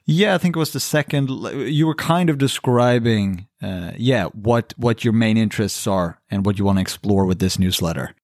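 Animated casual podcast host. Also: male voice, on the low side, normal speed, hardly any pauses, dry recording, studio quality.

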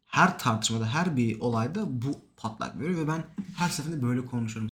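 Fast, animated young man storyteller. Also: medium pitch. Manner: animated, emotional retelling with quoted dialogue. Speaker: podcast guest. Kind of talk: casual storytelling. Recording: echoey room.

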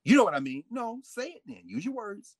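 Guy, husky voice, swings his pitch all over, lively storyteller. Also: brisk, dry recording. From United States. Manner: animated, emphatic, quotes people in changing voices. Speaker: guest speaking on fraternities and history. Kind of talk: casual storytelling conversation.

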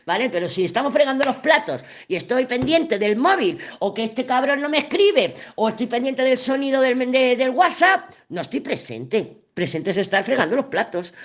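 A woman's voice: on the high side, sing-song, normal speed, few pauses, highs cut off. A woman giving a casual daily tarot reading, talking straight to the listener, chatty and blunt, stumbling over words and laughing at herself. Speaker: tarot reader.

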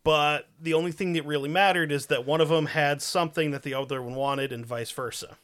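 A man's voice: fairly high pitch, steady tone, a little fast, fairly bright tone. Man telling a crime story, crude and joking. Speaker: podcast host.

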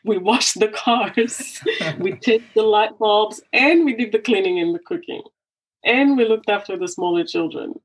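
A woman's voice: medium pitch, a little slow, breathy edge, low-quality recording. A woman from Angola, a psychotherapist, speaking as an interview guest in a reflective way, with restarts along the way. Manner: reflective, with frequent restarts and soft laughs. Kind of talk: conversational interview.

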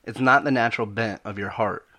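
A man's voice: medium pitch, a little fast, bright, forceful tone. Man, American accent, podcast host, casual exhortation, emphatic preacherly delivery, mid-range voice.

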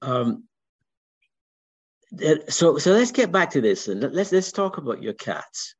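An older man from Barbados with a Barbadian accent, talking in a casual discussion, with lots of repeated words and a wordy, deliberate manner. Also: a little high, sing-song, slightly rough. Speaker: discussion participant. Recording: dull lo-fi sound.

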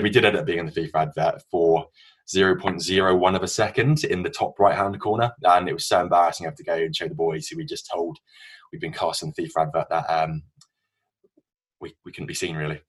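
A husky man in his twenties with a southern English accent speaks fast in a low, steady voice with a fairly bright tone. He co-hosts a podcast, swapping chatty, sweary, self-deprecating anecdotes with friends.

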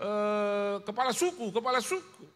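A man putting on an excited churchgoer. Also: moderate pace. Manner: high, excited, exclamatory. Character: excited Papuan churchgoer man, effusive and loud. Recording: reverberant church hall.

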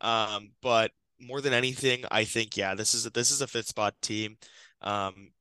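Young male podcast co-host, bright morning voice, dry close mic, keeps the chat moving. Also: on the low side, fairly even intonation, moderate pace, smooth, no room sound, rough recording. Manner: upbeat, steers the talk. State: just woken up, morning voice. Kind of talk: casual sports podcast chat.

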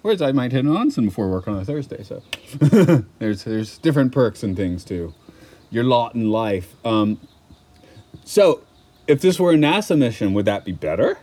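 A man's voice: mid-range voice, very animated, moderate pace, warm tone. Rambling, laugh-prone man chatting. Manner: rambling, laughs often, swears casually. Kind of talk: casual chat about a film.

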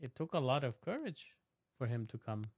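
Male podcast host, mid-pitched, dry studio-close sound, casual and encouraging interviewer. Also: very animated, a little fast, husky, dry recording. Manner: reassuring, encouraging.

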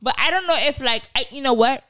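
A woman's voice: sits high, quick pace, bright, forceful tone, dry recording, clean studio sound. A woman with a Nigerian accent co-hosting a podcast. She chats casually and animatedly, laughs often and swears freely. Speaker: podcast co-host. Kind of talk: casual chat.

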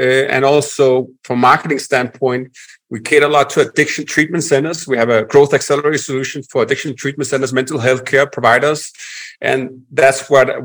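A man in his forties from Denmark with a Danish accent, a guest telling his life story in a relaxed interview, with many pauses and restarts. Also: mid-range voice. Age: 40s. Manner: frequent fillers and restarts, reflective.

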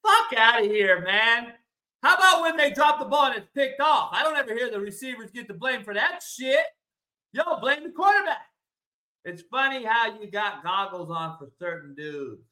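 A man hosting a casual sports debate, loud, opinionated and ribbing, blunt and profane, repeating his points for emphasis. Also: very high voice, expressive, normal speed, poor audio. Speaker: sports talk show host.

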